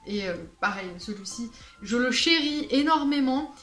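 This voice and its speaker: A woman's voice: high voice, lively intonation, moderate pace, fairly bright tone. Chatty, playful woman perfume vlogger. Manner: playful, self-mocking, chatty with fillers. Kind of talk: casual vlog chat. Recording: echoey room with faint music.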